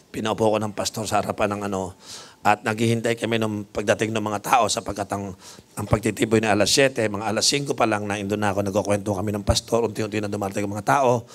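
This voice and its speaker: A male bishop preaching a sermon, telling stories with humor and mixing English phrases into his talk. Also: lowish voice. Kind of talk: sermon with storytelling.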